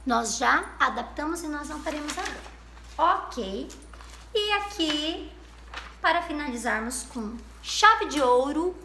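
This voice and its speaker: A Brazilian Portuguese woman teaching small children in a high, sparkling voice. She talks in a patient, sing-song way, drawing out each syllable and cheering the class on. The room rings with a roomy echo. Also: sharp tone, a little hiss or hum. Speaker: primary school teacher. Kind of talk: recorded remote lesson for young children.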